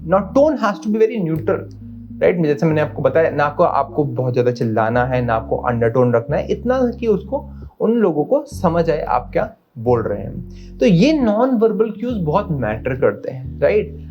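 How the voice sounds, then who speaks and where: Young male coach, slightly high voice, casual Hindi-English lesson, keeps asking "right?", muffled sound, faint guitar bed. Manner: mixes Hindi and English, asks "right?" often. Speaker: career coach. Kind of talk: explanatory video lesson. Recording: dull sound with soft guitar music behind.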